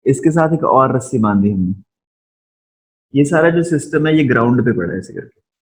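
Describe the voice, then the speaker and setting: A man teaching physics in a live online class, speaking deliberately slowly and often checking in with his students. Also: mid-range voice, lively intonation. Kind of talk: live online lesson, mixing Hindi and English.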